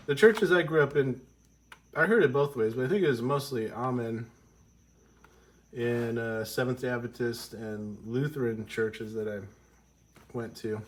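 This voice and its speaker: Congested male music teacher, mid-pitched, loose and rambling delivery. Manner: rambling, self-correcting, with frequent ums. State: congested from a cold. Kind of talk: casual explanatory lesson.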